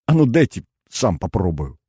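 Audiobook casting: a man playing an older veteran grandfather, choked up and sobbing, a touch higher and louder than the reader's own deep voice. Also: big pitch swings, moderate pace, breathy edge, no room sound, clean studio sound, heavily acted. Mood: overwhelmed. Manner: sobbing, overwhelmed. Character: tearful old male war veteran grandfather.

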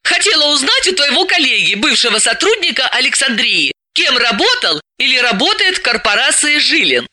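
A man reading an audiobook, voicing a timid, indignant young woman sleuth in a high, breathless, exclaiming voice. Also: very animated, a little fast, hardly any pauses, bright, forceful tone, no room sound, studio quality, full character voice. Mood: astonished.

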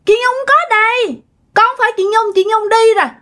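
Woman putting on a small boy ghost, high squeaky voice, whiny singsong. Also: steady tone, fairly quick, fairly bright tone. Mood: childish. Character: ghost of a five-year-old boy, playful, stubborn.

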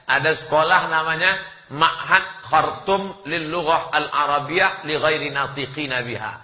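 A man's voice: a little high, reverberant. A man preaching a humorous sermon, acting out dialogue and pronunciation for his listeners. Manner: animated, mimics dialogue and pronunciation. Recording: dull lo-fi recording.

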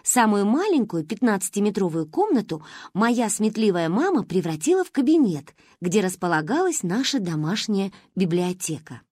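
A woman narrating a story in an expressive, playful storybook reading. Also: mid-range voice, moderate pace, husky, dry recording, studio quality. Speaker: audiobook narrator.

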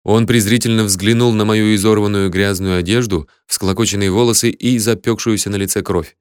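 A man's voice: lowish voice, fairly even intonation, a little fast, smooth, no echo. A man narrating an adventure audiobook in the first person, telling it vividly from a close studio mic. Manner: vivid, shouts the hero's angry lines.

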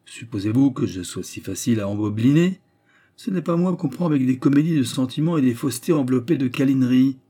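A man voicing a gruff, impatient old professor in a storybook reading, curt and sharp-spoken. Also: mid-range voice, expressive, fast talker, pitched above the performer's own voice.

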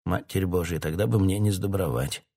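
A man's voice: low-pitched, normal speed, warm tone, breathy edge. A man reading an audiobook, voicing a wry male prisoner who keeps the chickens. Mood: wry relief.

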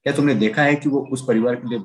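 A man's voice: medium pitch, steady tone, fast talker, a little mellow, lightly acted. A man voicing a bossy little squirrel. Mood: coaxing.

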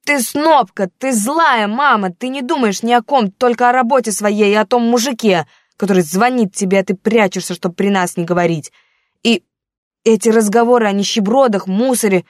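A woman's voice: a little high, moderate pace, dry recording, studio quality, voice pushed up, natural voice. Woman voicing a defiant teenage girl. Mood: tearful, accusing. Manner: shouting, accusing, on the verge of tears.

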